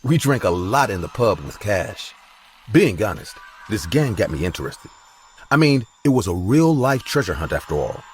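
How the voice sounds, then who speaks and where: A man's voice: on the low side, sing-song, normal speed, faint music behind. A man voicing a bold, tipsy young woman who bosses her younger sister around with a teasing edge. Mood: boastful. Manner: teasing, bossy.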